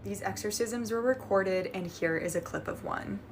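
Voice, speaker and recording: A woman's voice: medium pitch, moderate pace, music in the background. A woman reading a scripted true-story narration, with a conversational touch.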